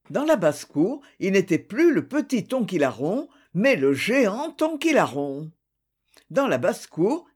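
A storybook narrator reads a children's tale at an unhurried pace. The reading is measured, and the pitch rises and falls with lively expression. Each phrase is given time to land. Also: slightly rough. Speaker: audiobook narrator.

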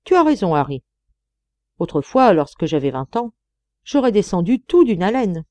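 A woman's voice: mid-range voice, very animated, moderate pace, darkish tone, dry recording, lightly acted. Woman voicing an older fatherly mine engineer. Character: older male mining engineer, steady and kind.

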